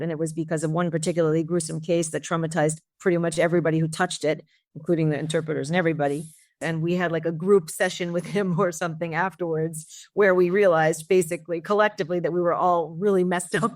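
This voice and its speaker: A middle-aged woman recalls her work as a prosecutor in a low, steady voice. She talks candidly, restarts her sentences and keeps a wry edge. The recording is dry, with no room sound. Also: no echo. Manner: candid, reflective, restarts phrases, wry laughs. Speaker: former international prosecutor. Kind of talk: interview answers.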